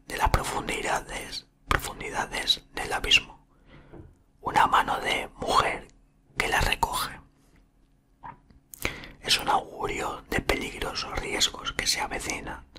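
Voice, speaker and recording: A man in his thirties reads from a book in a breathy ASMR whisper, murmuring haltingly very close to the microphone. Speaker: ASMR content creator. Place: small room indoors. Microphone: desktop condenser microphone, very close.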